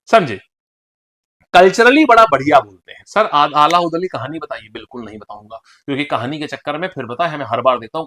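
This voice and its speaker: A male teacher giving an animated exam-prep lecture, talking straight to his students and acting out dialect phrases. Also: sits high.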